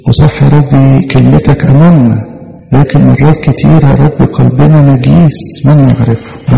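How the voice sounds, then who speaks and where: In a church, a prayer leader with an Egyptian Arabic accent improvises an impassioned prayer, begging God earnestly and returning to the same appeals again and again. He speaks in a mid-range voice that is creaky yet mellow. The audio is dull and lo-fi, with long reverb from the hall.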